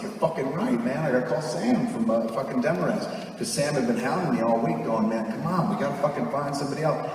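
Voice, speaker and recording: Speaking at medium pitch with slight background noise, a man in his 40s entertains a live theater audience with foul-mouthed, lively storytelling, putting on the voices of the people in his tales. The long reverb of the hall and his distance from the microphone leave the sound echoey.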